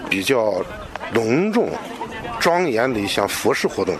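With a crowd audible behind him, a man who works as a local guide and culture expert talks unscripted to an interviewer outdoors. His medium-pitched, sing-song delivery is halting, full of repeated phrases and filler particles, captured in a noisy outdoor recording.

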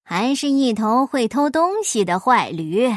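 A woman voicing a clever, humble male folk trickster in a storybook reading, unhurried and politely mocking. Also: on the high side, very animated, no room sound, studio quality. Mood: sly.

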